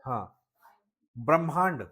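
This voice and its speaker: A man teaching a Hindi grammar class with a Chhattisgarhi-tinged accent, checking in often with the class and spelling words out slowly. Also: a little high, animated, pushed and bright, husky. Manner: drills students with frequent "ठीक है" checks. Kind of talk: live classroom lesson.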